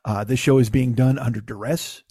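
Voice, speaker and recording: A man hosting a podcast with a hoarse, gravelly voice as if gargling broken glass, ranting casually and comically with swearing and self-mockery. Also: medium pitch, steady tone, a little fast, warm tone, dry recording, studio quality. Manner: ranting, foul-mouthed, self-deprecating. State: hoarse after losing voice. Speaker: podcast host. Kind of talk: casual comedic monologue.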